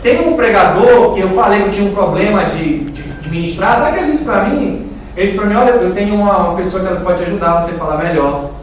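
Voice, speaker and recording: A high-voiced Brazilian man, animated and fast-talking, teaches a live church class in an informal, didactic style, repeating words for emphasis and constantly asking his listeners questions. The echoing indoor room makes the sound very distant, with faint noise.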